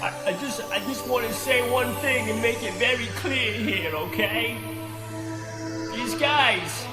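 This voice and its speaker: A man giving a mock fan testimonial, gushing and choked up, with halting repeats. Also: extremely high pitch. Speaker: podcast co-host. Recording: echoey room with loud music.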